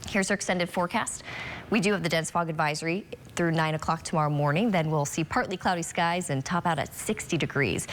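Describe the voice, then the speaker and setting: American weather lady, slightly low voice, giving the forecast, faint rumble behind. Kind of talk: live forecast commentary.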